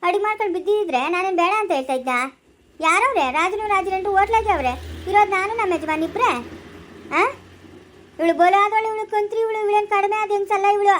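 A woman playing a quarrelsome older village woman who shouts sharp, rapid accusations in a homemade family drama. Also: high-pitched, lightly acted.

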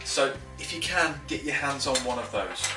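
A man, a fishing instructor, talks tackle to camera in a chatty, enthusiastic way from a wooden table in his living room, often using filler words and restarting quickly. His mid-range voice has lively intonation. With the camera a few feet off, the audio is roomy and slightly distant, and faint music plays.

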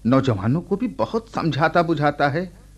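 A man's voice: on the high side, lively intonation, a little slow. An actor in a radio play voicing a chatty, inquisitive village man. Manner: chatty, questioning. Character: curious talkative village man Babbu. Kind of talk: radio drama acting.

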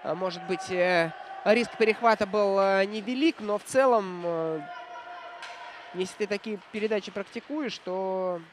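A man commentating live on ice hockey, reflective and analytical, often pausing mid-sentence to find his words. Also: high voice, a little hiss or hum.

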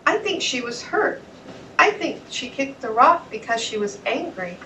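A woman voicing a caring little girl frog in a children's storybook, soft and thoughtful. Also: high voice, big pitch swings, a little slow, distant mic, background noise.

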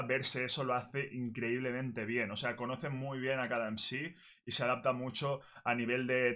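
A man's voice: medium pitch, sharp tone. Spanish man casually commenting on a rap. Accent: Spanish from Spain. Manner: chatty, explains as he goes. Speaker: reaction video host.

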